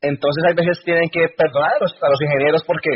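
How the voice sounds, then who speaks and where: A man's voice: a little high, flat delivery, fast talker, breathy edge. A man giving a motivational business speech, telling anecdotes and jokes. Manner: anecdotal, storytelling. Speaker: speaker at a business event. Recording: dull lo-fi recording.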